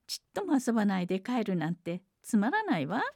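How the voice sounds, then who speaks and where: A woman voicing a tiny, clever, headstrong little girl born from a bean, in a wilful, high, bright storybook tone. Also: sing-song, a little fast, creaky, no echo, clean studio sound. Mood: coaxing.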